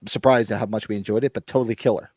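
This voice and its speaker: A podcast host, an American man, races through a rambling, blunt horror-movie chat with some swearing, his voice coming back after being lost. His pitch is fairly low and his tone steady and a little mellow. The recording is clean studio sound without room sound.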